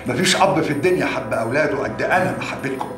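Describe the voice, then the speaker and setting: A man's voice: medium pitch, animated, very fast, lightly acted. An actor playing a stern, controlling wealthy father lecturing his son in Egyptian Arabic. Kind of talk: TV drama acting. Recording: roomy set with music score.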